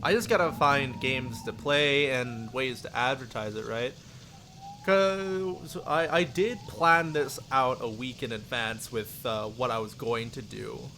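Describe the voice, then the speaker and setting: A man with a mid-range, pushed and bright voice talks at a measured pace, with a little hiss or hum in the recording. It's a casual, rambling live stream where he chuckles while replying to viewers and reads parts of a story aloud.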